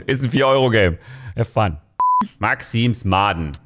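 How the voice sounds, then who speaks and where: A man's voice: medium pitch, expressive, slow, a bit bright, a little hiss or hum. A man hosting a horror game let's play. He jokes around and yelps when something startles him. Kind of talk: casual gaming commentary.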